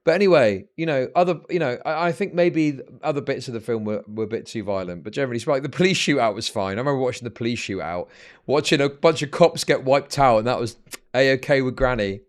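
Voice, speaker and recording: A man's voice: medium pitch, lively intonation, quick pace. A man hosting a livestream, telling rambling, profane stories in casual chat that build into exasperated rants. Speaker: livestream host.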